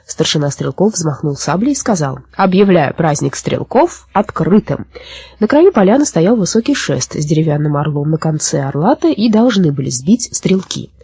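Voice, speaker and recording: Breathy woman reading a children's story. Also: sits low, brisk, hardly any pauses, no room sound. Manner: expressive storytelling. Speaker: audiobook narrator. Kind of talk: children's audiobook narration.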